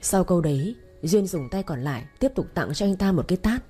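A woman reads a family drama aloud in a steady, dramatic way. Her voice is husky, dark and fairly low. Soft music plays faintly behind her. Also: fairly quick. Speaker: story narrator. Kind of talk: scripted narration of a melodrama.

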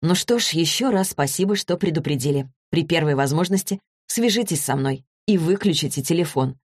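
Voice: mid-range voice, animated, breathy edge, dry recording, clean studio sound. A reader voicing an anxious, devoted man who fires off earnest questions in an audiobook. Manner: rapid-fire questions, earnest.

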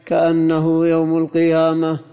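Flat chanting reader in an echoing hall. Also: male voice, a little high, moderate pace, faint music behind. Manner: monotone, chanting recitation. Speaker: student reading the text aloud. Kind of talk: chanted reading of a classical text.

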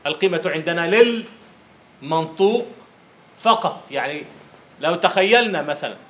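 A man lecturing on Arabic prosody in a classroom, teasing his students and slowly chanting verse syllables. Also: on the high side, lively intonation, fairly bright tone. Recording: roomy lecture hall echo, faint hiss.

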